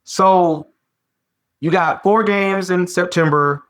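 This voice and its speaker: A man hosts a sports talk show in a loose, conversational way, hammering his points home by repeating them. His voice sits a little high for a man, and he lets it rise and fall freely as he riffs. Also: slow pace. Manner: animated, repetitive, conversational slang. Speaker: podcast host.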